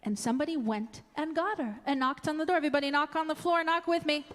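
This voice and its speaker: A woman hosting interactive storytime for young children in a singsong, drawn-out, playful way, like a puppet show host. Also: sits high, noisy background. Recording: echoey hall, ukulele music nearby.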